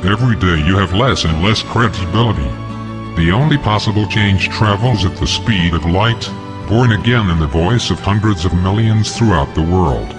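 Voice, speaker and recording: A man speaking through a disguised deep, pitched-down voice, delivering a scripted manifesto in a defiant, declaiming manner. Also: normal speed. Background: music.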